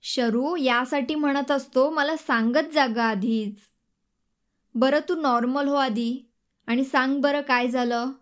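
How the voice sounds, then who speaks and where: A woman voicing a caring young husband in an audiobook, gentle and coaxing. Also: high voice, fairly even intonation, slow pace. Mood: soothing. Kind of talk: audiobook dialogue reading.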